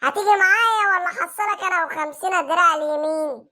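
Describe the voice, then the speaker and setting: Brief: performer as a cocky cartoon street boss with an Egyptian accent, very high and sharp-toned. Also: fast. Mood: bossy. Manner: swaggering, ordering others around. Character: bossy male street gang boss, loud and boastful. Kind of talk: comic cartoon acting.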